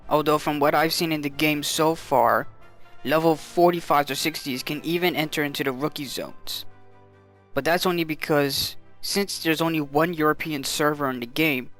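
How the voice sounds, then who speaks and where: A man's voice: fairly high pitch, a bit bright. A man giving casual gameplay commentary in an explanatory, matter-of-fact way. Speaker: game commentator.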